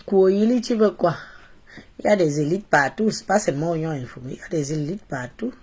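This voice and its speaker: A Cameroonian social media streamer with a head cold talks briskly to her followers in a fairly low, husky, darkish voice that is animated. Mocking and opinionated, she repeats phrases for emphasis in her Cameroonian accent.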